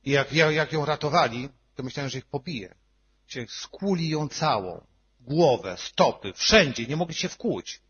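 Husky-voiced pastor, emotional testimony. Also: male voice, mid-range voice, animated, unhurried, lo-fi sound. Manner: emotional storytelling, swinging from hushed to loud. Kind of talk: sermon testimony.

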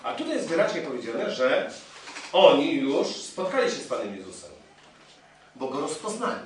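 A man preaching a sermon to his congregation, telling stories in an animated way. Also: on the high side, normal speed, a little hiss or hum. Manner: animated storytelling, addressing the congregation. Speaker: pastor. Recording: echoey hall, distant mic.

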